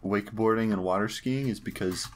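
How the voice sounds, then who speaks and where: A man's voice: on the low side, brisk, a little hiss or hum. A man hosting a gaming video, trading crude jokes with friends in casual banter. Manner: jokey, crude, puts on silly accents. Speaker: gaming channel host.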